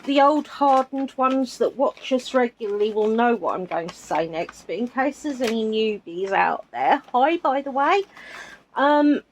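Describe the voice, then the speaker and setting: A woman's voice: a little high, lively intonation, measured pace, a little hiss or hum. A woman, chatting casually while unboxing a subscription box with her partner, with chuckling asides. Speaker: co-host of an unboxing channel.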